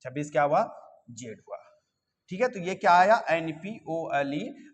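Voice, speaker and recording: A man's voice: fairly high pitch, expressive, brisk, in a large hall. A man teaching a reasoning class in a coaching classroom, coaxing his students and checking often that they follow. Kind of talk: classroom lecture.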